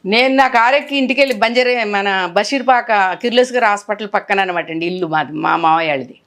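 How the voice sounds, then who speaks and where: A woman's voice: mid-range voice, fast talker. A woman in her sixties, an actress telling emotional stories of her film career in an interview, acting out what others said to her. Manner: animated, acts out others' words in quotes.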